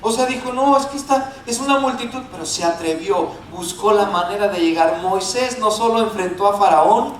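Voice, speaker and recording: High-voiced preaching man in echoey church. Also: normal speed, hardly any pauses, distant mic, a little hiss or hum. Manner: animated preaching, asks the congregation to repeat words. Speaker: pastor. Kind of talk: sermon. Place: church sanctuary.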